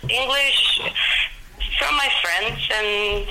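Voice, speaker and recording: Sleepy woman caller from Bosnia and Herzegovina, slow and hesitant, bright over a phone line. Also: a little high, slight background noise. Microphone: telephone.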